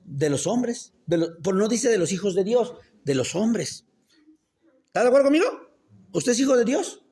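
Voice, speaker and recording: Man, pastor in church, high voice, very animated pitch, keeps asking the crowd questions. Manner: keeps quizzing the congregation with rhetorical questions; colloquial, joking asides. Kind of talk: sermon.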